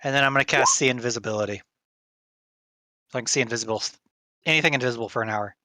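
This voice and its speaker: Man, tabletop player, medium pitch, bright tone, casual game chat. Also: racing, no room sound.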